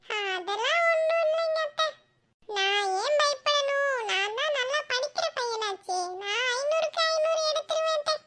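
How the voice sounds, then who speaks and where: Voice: very high-pitched, lively intonation, moderate pace, bright, forceful tone, heavily acted. A voice actor playing a cartoon schoolboy who frets about his exam results, with worried muttering asides. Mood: bluffing. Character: anxious schoolboy fretting over exam results. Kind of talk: cartoon voice acting.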